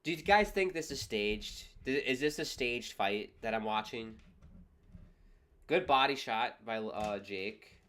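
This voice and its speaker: A man's voice: mid-range voice, lively intonation, unhurried, a bit bright. A man hosting a livestream, giving casual, wry and exasperated reactions to a boxing match as it plays. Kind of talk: casual live commentary.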